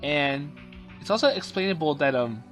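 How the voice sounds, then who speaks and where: A man with a somewhat high voice talks through a story game, stopping and restarting as he retells what the characters say. His delivery is loose and hesitant, full of fillers. Soft game music plays underneath. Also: lively intonation, normal speed. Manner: hesitant, many fillers and restarts, paraphrasing dialogue. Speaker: let's play commentator. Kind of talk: casual game commentary, translating and summarizing the story.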